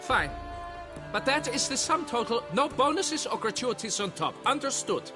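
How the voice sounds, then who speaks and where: A man's voice: very high voice, big pitch swings, moderate pace, music in the background. A man voicing a fussy, blustering quarry foreman in a game fan dub, flustered and pleading, with old-fashioned oaths. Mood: haggling.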